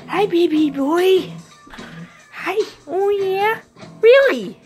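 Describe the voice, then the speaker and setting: Very high-pitched woman cooing baby talk to pets. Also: sing-song, takes it slowly, faint music behind. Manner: cooing, exaggerated sing-song greetings and questions. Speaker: pet owner filming cats. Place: small carpeted room at home. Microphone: handheld phone.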